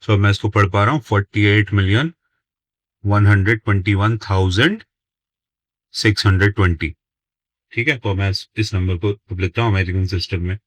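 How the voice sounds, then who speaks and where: Low-voiced man teaching maths slowly. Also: fairly even intonation, fairly bright tone, dry recording, rough recording. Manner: slow, deliberate, dictates numbers word by word while writing. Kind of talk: step-by-step lesson explanation.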